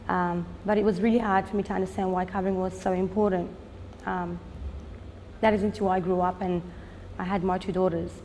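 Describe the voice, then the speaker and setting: A woman, a fashion designer speaking in a documentary interview, earnest and unhurried, with frequent "um" pauses. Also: medium pitch, a little mellow, in a large hall, a little hiss or hum. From Australia. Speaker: fashion designer and business owner.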